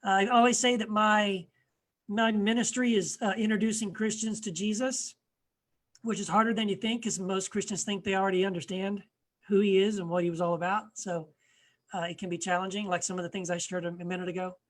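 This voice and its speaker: A man, an author and blogger, introducing his writing in a casual, hesitant way with frequent pauses and restarts, his voice often trailing off quietly. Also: high voice, level tone. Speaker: author and blogger, guest reader.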